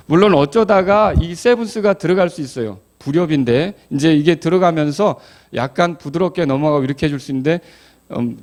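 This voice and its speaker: A man's voice: mid-range voice, a little mellow. A man teaching a Bible study lesson as a pastor, explaining patiently, questioning the class and adding folksy asides. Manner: explanatory, asks the class questions, claps out rhythms.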